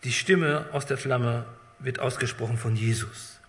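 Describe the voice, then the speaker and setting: A man preaching a sermon with dramatic swings between loud emphasis and hushed, drawn-out phrases. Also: medium pitch, fairly even intonation. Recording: long hall reverb.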